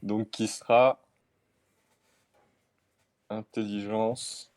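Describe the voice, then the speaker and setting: A man's voice: on the low side, little pitch movement, extremely slow, a little mellow. A man acting as game master, explaining a tabletop game in an informal, easygoing way.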